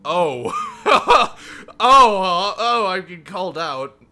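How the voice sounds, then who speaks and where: Sitting high in pitch and speaking very slowly, a man streams a visual novel live with loose, animated commentary that's self-deprecating and profane.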